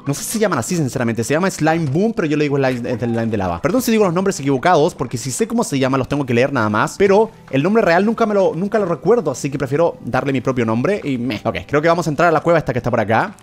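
Young man, gaming commentary, excitable and jumpy, bright-ish higher voice, rapid-fire. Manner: excitable, yelps and gasps, talks to game creatures. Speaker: gaming video host. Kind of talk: excited let's-play commentary.

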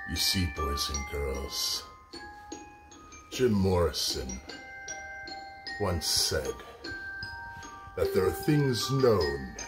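A man's voice: low voice, very animated, full character voice. A man playing a sinister, gloating old vampire-like uncle who hosts a show, talking theatrically and breaking into cackles. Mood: pontificating. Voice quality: theatrical, cackling laughs between lines. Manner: slow, drawn-out, menacing pontificating. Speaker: show host character. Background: mallet and xylophone music.

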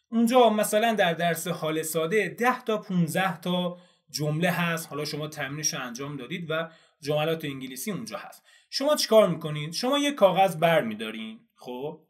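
A man teaching English in a video lesson, explaining a study method step by step and answering his own questions as he goes. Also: fairly high pitch.

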